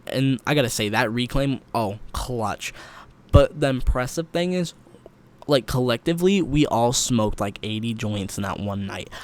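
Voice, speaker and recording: A young man telling a long rambling story in slang, with restarts and loud bursts when he quotes people. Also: medium pitch. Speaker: storyteller vlogger. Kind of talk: casual storytelling.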